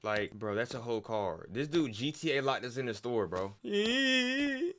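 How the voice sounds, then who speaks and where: A young man giving slangy, excitable commentary on a horror game, yelping and shouting when scared. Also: on the low side, fairly quick, slight background noise. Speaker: gaming YouTuber.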